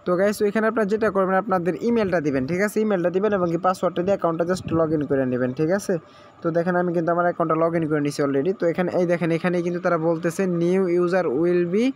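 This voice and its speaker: His voice sits high, steady, and a little mellow, and he talks fast over a little hiss or hum. This male host of a screen-recorded app tutorial walks viewers through sign-up step by step, repeating himself, checking in often, and using English words here and there.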